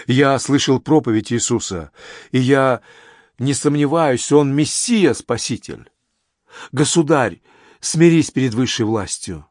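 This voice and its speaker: A man's voice: medium pitch, a little slow, darkish tone, no room sound, clean studio sound, close to an everyday voice. A man voicing a fanatical, humble Essene preacher who pleads and insists with fervor. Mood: fervent. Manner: pleading, rising to ecstatic insistence. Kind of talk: audiobook character reading.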